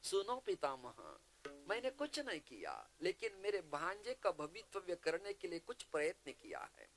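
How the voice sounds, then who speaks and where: A man's voice: high voice, sing-song, unhurried, a bit bright, faint music behind, pitched above the performer's own voice, heavily acted. A man doing sly scheming uncle Shakuni. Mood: wheedling. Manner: coaxing, sly. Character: scheming male royal uncle Shakuni, wheedling.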